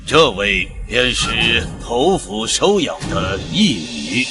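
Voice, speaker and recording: An actor playing a stern, proud noble marquis in a costume drama, speaking in a stiff, commanding way. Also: male voice, medium pitch, big pitch swings, slow pace. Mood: formal. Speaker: head of a noble house. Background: music.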